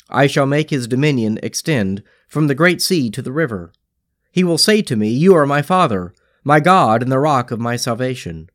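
A man recites psalms and prayer in a measured, solemn devotional reading. His voice rises and falls with lively pitch movement across each line. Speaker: podcast host reading scripture.

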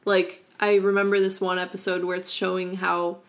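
Chatty young woman with a gravelly edge. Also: lowish voice, little pitch movement, normal speed. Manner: chatty, many fillers of like and um. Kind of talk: casual chat about a cartoon.

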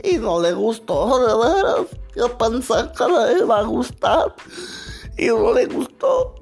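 A man's voice: extremely high pitch, big pitch swings, takes it slowly, gravelly, breathy edge, faint music behind, pitched above the performer's own voice, heavily acted. A man voicing a folksy, rustic older man from the mountains, drawling and rambling with many fillers. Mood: aggrieved. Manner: rambling, drawling, full of fillers like "no, hombre, pues". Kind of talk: comedy sketch character.

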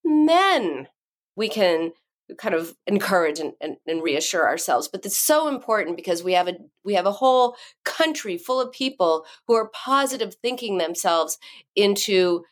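A middle-aged woman, an author and podcast guest, telling a story about her daughter and acting out its lines in high voices. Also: sing-song, normal speed. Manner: acts out quotes in high voices. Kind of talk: podcast interview.

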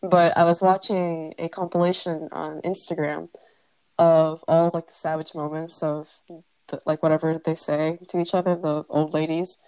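Teen girl podcast co-host: low voice, dry close sound, deadpan explainer. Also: moderate pace, clean tone, no echo, poor audio. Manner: explains inside jokes, dry teasing. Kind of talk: casual chat. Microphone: headphone mic.

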